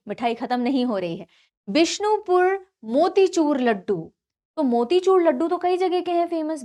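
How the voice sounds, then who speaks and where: A woman exam-prep teacher with a fairly high voice. She talks in an animated way, repeats key names over and over, and drops English terms into her Hindi. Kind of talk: online lecture for competitive exams.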